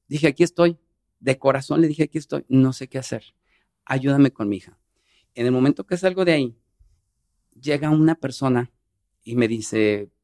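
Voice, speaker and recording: A middle-aged man, a podcast guest telling an emotional personal story earnestly, in fast bursts. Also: a little high.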